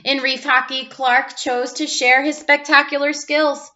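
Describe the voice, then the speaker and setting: A woman narrates a picture book for children in an expressive read-aloud style. Her voice is high and bright. The recording is a little dull and lo-fi. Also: a little slow.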